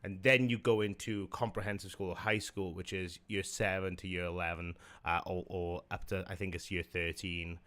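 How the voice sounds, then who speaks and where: On his live stream, a young South Welsh host rambles casually, cursing often and frequently restarting amid plenty of fillers. His voice sits low and is a bit bright, with a level tone. He talks at normal speed with few pauses.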